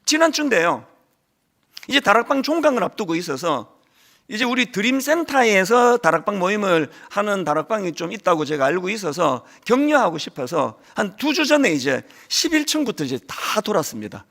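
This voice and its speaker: Male pastor, middle-aged, animated sermon storytelling, high voice, bright tone. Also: fairly quick. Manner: animated storytelling with acted quotes. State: lingering cold.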